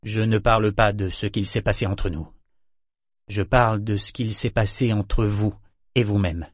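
A man's voice: mid-range voice, moderate pace, darkish tone, husky, dry recording, studio quality, lightly acted. A man voicing a blunt, sardonic male sailor in an audiobook, mocking and needling in his delivery. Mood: pointed. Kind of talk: audiobook character voice.

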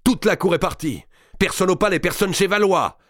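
A man reading an audiobook and voicing a boisterous, crude, scheming giant nobleman who talks loudly, mocks and laughs often. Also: sits high, a little fast, dry recording, clean studio sound, voice pushed up. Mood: boastful. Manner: loud, mocking, bawdy, with bursts of laughter. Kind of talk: audiobook reading of a historical novel.

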